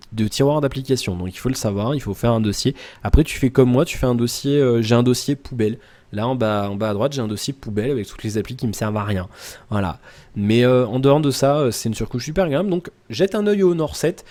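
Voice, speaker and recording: A man's voice: medium pitch, dark tone. A man chatting casually in a daily vlog, answering viewer comments in a rambling way with many fillers and restarts, talking straight to the viewer. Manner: addresses the viewer informally.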